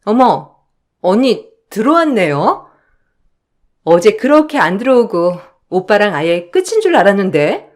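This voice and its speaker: A woman's voice: medium pitch, big pitch swings, unhurried. A spoiled young sister-in-law, as a woman narrator puts her on, needles with snide sarcasm. This is a radio drama. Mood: sarcastic.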